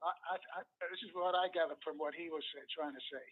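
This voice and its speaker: Radio host on a thin phone-like line. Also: male voice, fairly high pitch, steady tone, fast.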